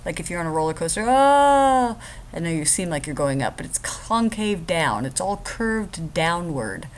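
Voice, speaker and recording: A woman's voice: deep voice, lively intonation, normal speed, a little hiss or hum. A woman math instructor giving a casual, chatty screen-recorded lecture, explaining step by step with joking asides.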